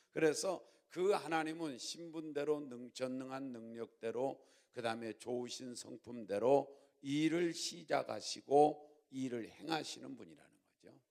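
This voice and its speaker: A man's voice: mid-range voice, vocal fry, darkish tone. A middle-aged male pastor from Jeolla preaching a sermon, stressing key phrases by repeating them and having the congregation say them back. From Jeolla, Korea. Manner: emphatic, repeats key phrases, leads congregation in call-and-response.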